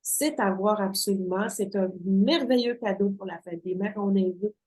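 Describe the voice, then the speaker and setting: A woman's voice: medium pitch, moderate pace, a little mellow, low-quality recording. A woman co-hosting a cultural interview show, upbeat and promotional as she wraps up. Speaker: co-host.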